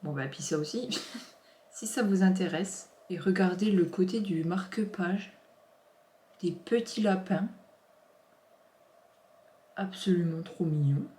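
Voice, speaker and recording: A woman's voice: lowish voice, slow pace, long pauses, dark tone. Gushing French woman in a roomy room. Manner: gushing, chatty, lots of exclamations. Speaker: vlogger. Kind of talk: casual unboxing chat. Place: home office. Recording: roomy echo.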